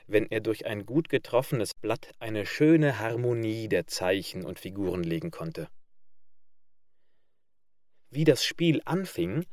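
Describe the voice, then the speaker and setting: A man narrating a fairy tale in a measured, even literary reading, close to the mic. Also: mid-range voice, no room sound. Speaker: audiobook narrator.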